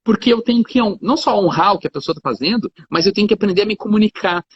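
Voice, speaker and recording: A man with a husky, slightly high voice talks casually as a guest. He explains ideas through examples, leaning on fillers like "cara" and "né". The recording is dry and dull, with a lo-fi sound. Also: animated, very fast, no echo. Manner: talkative, explains with examples, fillers like 'cara' and 'né'. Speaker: lawyer, guest. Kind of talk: casual conversation.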